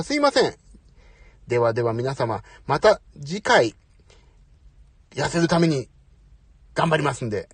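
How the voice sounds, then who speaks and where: A middle-aged man with a slightly high, husky voice chatting on a live audio stream. His pitch swings widely as he talks, and he keeps apologizing and joking at his own expense. The sound is dry and close, as if spoken into a phone. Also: a little mellow, no echo. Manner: chatty, apologetic, self-deprecating. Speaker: host. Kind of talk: casual live audio chat. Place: parked outside, away from home.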